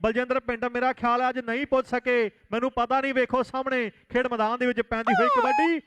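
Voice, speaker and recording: A man's voice: very high-pitched, steady tone, fast talker, fairly bright tone, clear, resonant tone, no room sound. A man commentating live on kabaddi and making announcements in a declamatory way.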